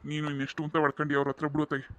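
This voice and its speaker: A man's voice: fairly high pitch, completely flat delivery, racing, dry recording, lightly acted. A man voicing an elderly village grandfather in a cartoon, joking and chatty in rural speech. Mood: teasing. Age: older.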